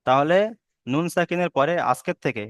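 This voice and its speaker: Clear-voiced patient tajweed teacher, man. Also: a little high, no echo, clean studio sound. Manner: patient, repeats rules slowly and asks if understood. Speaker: Quran recitation teacher. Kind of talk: online tajweed lesson.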